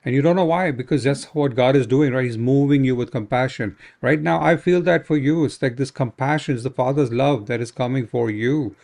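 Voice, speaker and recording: A man's voice: mid-range voice, brisk, creaky, few pauses, darkish tone. A man ministering in prayer, fervent and exhorting, often tagging his sentences with "right?".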